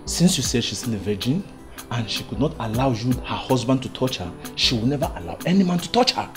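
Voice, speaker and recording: A Nigerian man playing a calm, coaxing friend. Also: mid-range voice, fairly quick, music in the background, lightly acted. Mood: soothing. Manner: soothing, coaxing. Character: calm, reassuring male friend. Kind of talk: film comedy acting.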